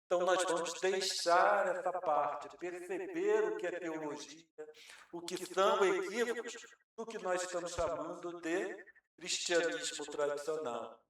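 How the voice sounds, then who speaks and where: A man's voice: high voice, fairly even intonation, a little slow, fairly bright tone. A man with a Brazilian Portuguese accent giving a Spiritist lecture to an audience, explaining patiently and posing rhetorical questions he then answers. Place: lecture hall. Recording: very echoey hall, mic far off.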